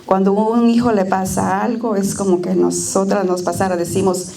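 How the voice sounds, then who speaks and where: A woman's voice: medium pitch, little pitch movement, normal speed, gravelly, warm tone. A middle-aged woman giving a personal testimony and prayer at a church service, tender and plainspoken with frequent hesitations. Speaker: church member giving a reflection.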